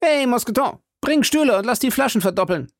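A man reading an audiobook voices a boisterous, hearty nobleman with a big appetite, speaking jovially and raising his voice high. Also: animated, fairly quick, no echo, clean studio sound. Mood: jovial boasting. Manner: booming, raised high, jovial.

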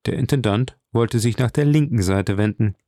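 A man narrating a classic novel in a measured, even storytelling manner. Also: fairly low pitch, dry recording, studio quality. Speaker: audiobook narrator.

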